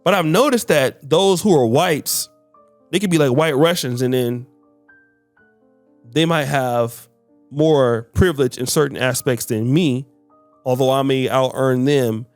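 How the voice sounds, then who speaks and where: An American man hosts a podcast discussion, his medium-pitched voice unhurried as he often stumbles and repeats words while searching for phrasing. The recording is dry, with soft background music.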